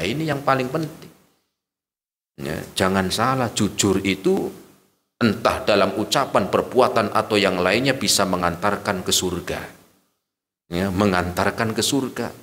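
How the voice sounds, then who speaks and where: A man giving a religious study lecture, telling stories lively and acting out the dialogues. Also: mid-range voice. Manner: lively storytelling, acts out dialogues. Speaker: Islamic preacher. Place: mosque or study hall. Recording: reverberant hall.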